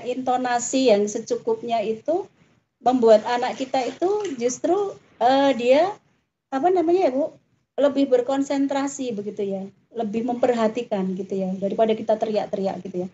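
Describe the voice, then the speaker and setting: A woman's voice: fairly high pitch, mellow, highs cut off. A woman giving a parenting talk in a chatty way, full of tag questions. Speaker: parenting speaker.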